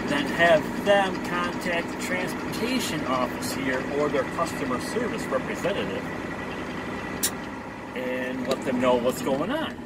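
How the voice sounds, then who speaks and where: Wry trucker man over road noise. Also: fairly high pitch. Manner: wry, sing-song asides, grumbling. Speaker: truck driver vlogger. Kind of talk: casual vlog narration. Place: inside a truck cab while driving. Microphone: headset mic. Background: engine and road noise.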